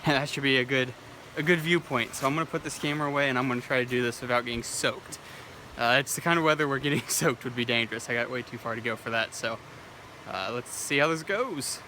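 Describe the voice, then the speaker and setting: A man giving a casual vlog commentary outdoors beside a rushing river, thinking aloud as he talks to his camera. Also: medium pitch. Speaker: vlogger and landscape photographer. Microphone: handheld phone or action camera. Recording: noisy outdoor audio with loud rushing water. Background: rushing river and waterfall noise.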